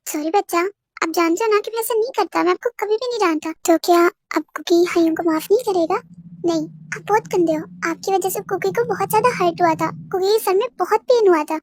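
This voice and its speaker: A stubborn, childlike young man, as a woman puts him on whines in stammering baby talk. The voice sits extremely high, and the sound is close and dry. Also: brisk, no echo. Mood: sulky. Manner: whiny, stammering baby talk, speaks of himself by name.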